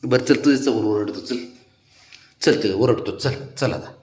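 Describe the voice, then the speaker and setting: Cat owner, male, mid-pitched, sweet-talking his pet in soft pleading tones with high swoops. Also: moderate pace, slight background noise. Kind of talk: coaxing baby talk to a pet.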